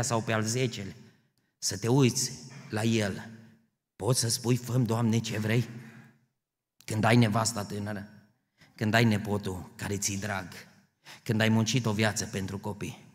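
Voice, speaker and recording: A man preaching a sermon in a church. He moves from quiet storytelling to loud, impassioned peaks. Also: lowish voice. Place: church sanctuary. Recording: long church hall reverb.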